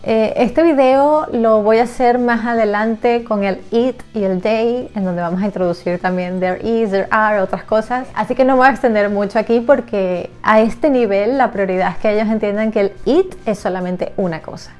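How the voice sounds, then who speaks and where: A woman English teacher for young children, explaining a classroom game in a casual, lively way and acting out sounds and children's voices. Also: medium pitch, normal speed, hardly any pauses. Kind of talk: casual explanatory lesson to camera.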